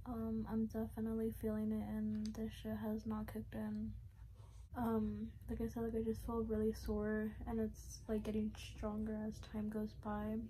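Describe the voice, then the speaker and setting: A woman's voice: fairly high pitch, completely flat delivery, normal speed, mellow. A woman in her twenties vlogging casually, subdued, sore and numb-mouthed after wisdom teeth removal, close to tears. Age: 20s. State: tearful, on the verge of crying. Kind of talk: casual confessional vlog. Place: small dim room at home, indoors. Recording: noisy room recording.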